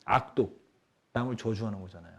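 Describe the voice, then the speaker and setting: A young adult man preaching a youth sermon, animated, acting out quoted people in lively voices. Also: fairly low pitch, a little fast.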